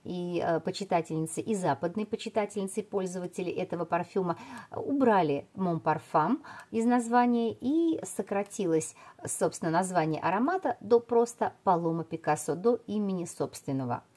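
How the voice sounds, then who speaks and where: A woman's voice: on the low side, animated, normal speed, mellow. A middle-aged woman reviewing a perfume in a casual video, rambling with many fillers and restarts.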